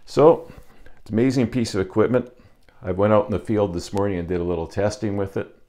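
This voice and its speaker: A man's voice: on the low side, steady tone, a little fast, mellow. A man in his sixties chatting casually to camera as a vlogger reviewing gear, recorded indoors on a lapel mic. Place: indoor room in front of a backdrop.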